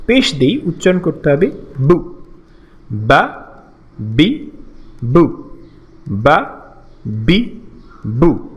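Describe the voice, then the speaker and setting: A man with a high voice teaches a lesson at an unhurried pace, and his pitch rises and falls a great deal. He explains things patiently and slowly repeats each syllable so listeners can practise.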